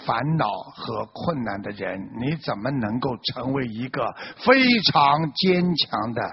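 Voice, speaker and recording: A man's voice: mid-range voice, unhurried, slightly rough. A man preaching a moral sermon, exhorting listeners and telling a fable. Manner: animated, exhorting. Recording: dull lo-fi recording.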